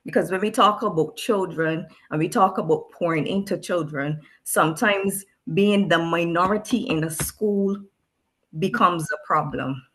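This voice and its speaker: A woman's voice: fairly low pitch, moderate pace, fairly bright tone. A woman from Barbados, a special education teacher speaking thoughtfully as a guest, often repeating words as she searches for them. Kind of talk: reflective discussion.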